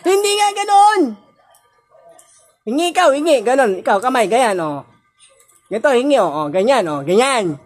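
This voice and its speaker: A woman's voice: fairly high pitch, expressive, a little fast. A young woman filming her pet at home, teasing it in playful baby talk and laughing often. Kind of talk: playful home video narration.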